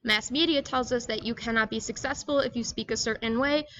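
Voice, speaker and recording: A woman's voice: a little high, fairly quick, fairly bright tone, dull audio, a little hiss or hum. A woman giving a scripted educational presentation, reading aloud in a plain, explanatory manner.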